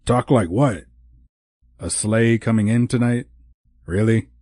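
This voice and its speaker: A man's voice: fairly low pitch, slow pace, mellow, no echo, studio quality. A man doing a chirpy little elf. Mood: brisk. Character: brisk cheerful male elf, four feet tall. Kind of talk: audiobook character voice.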